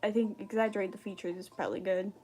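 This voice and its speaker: A woman's voice: mid-range voice, steady tone, fast, a little mellow. A young woman chatting on a livestream while writing a script, repeating phrases to herself as she works.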